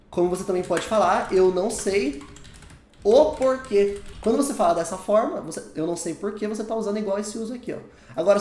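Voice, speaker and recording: A man's voice: high-pitched, a little mellow, reverberant, slight background noise. A man with a Brazilian Portuguese accent teaching a whiteboard lesson, explaining patiently and often checking in with the learner. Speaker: English teacher.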